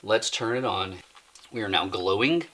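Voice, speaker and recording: A man's voice: lowish voice, normal speed, bright, forceful tone. A man hosting his own channel, giving a casual hands-on toy review in a rambling, self-mocking, chatty way.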